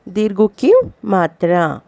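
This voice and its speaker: A woman's voice: medium pitch, takes it slowly, gravelly, a little mellow, dry recording. A woman school teacher giving a recorded lesson to young children, explaining patiently and repeating each point. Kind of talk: recorded online class lesson.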